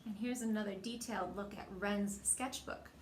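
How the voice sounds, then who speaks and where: This woman reads a picture book to young children in a medium-pitched voice at normal speed. As a storyteller she's animated, acting out what the characters say and asking her audience questions, in a roomy space with faint background noise.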